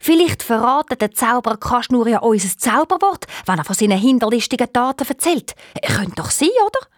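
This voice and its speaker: A woman's voice: a little high, a little fast, no echo, studio quality, close to an everyday voice. Woman doing an eager stork vizier, Swiss German accent, storybook. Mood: excited. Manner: eager, excited questions. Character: excitable male stork, a grand vizier.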